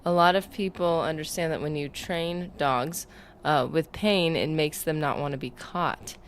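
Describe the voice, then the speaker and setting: A woman's voice: deep voice, a little slow, slight background noise. A woman streaming a game, chatting casually and rambling as she reads viewer comments aloud. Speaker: gaming livestreamer. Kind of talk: casual livestream chat while gaming.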